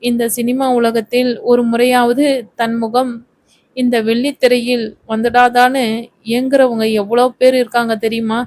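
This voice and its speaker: A woman's voice: on the high side, flat delivery, measured pace, darkish tone, no room sound, natural voice. A woman voicing a scheming middle-aged mother who guilt-trips her actress daughter. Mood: reproachful. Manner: guilt-tripping, self-pitying.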